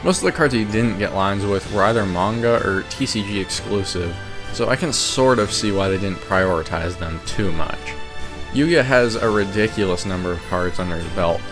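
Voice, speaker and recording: Speaking at normal speed in a lowish voice, a video creator gives wry, opinionated, scripted rankings. Game music runs underneath his voice.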